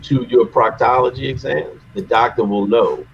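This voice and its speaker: A man's voice: medium pitch, fairly even intonation, normal speed, vocal fry, highs cut off, slight background noise. A man co-hosting a casual live show, joking crudely and often repeating his words. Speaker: co-host. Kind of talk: casual chat.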